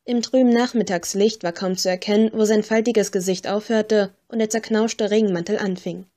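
Female audiobook narrator; measured, expressive, medium pitch. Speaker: audiobook reader. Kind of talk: first-person audiobook narration.

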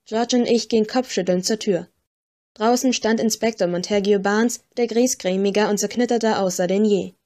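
Female audiobook narrator; measured, expressive, medium pitch. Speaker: audiobook reader. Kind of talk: first-person audiobook narration.

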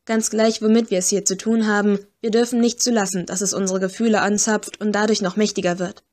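A steady, authoritative young leader of ghost hunters, voiced by a woman reading the audiobook. He speaks a touch lower and softer than the narration, keeping his team in line with a level head. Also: a little fast, lightly acted. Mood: calm commanding. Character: young male ghost-agency leader, calm, commanding.

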